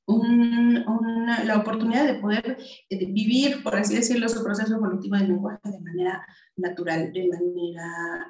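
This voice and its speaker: A woman's voice: a little high, darkish tone, reverberant, low-quality recording. A woman with a Mexican Spanish accent giving a video conference talk as a language specialist, chatty, with many fillers and restarts. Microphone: video call.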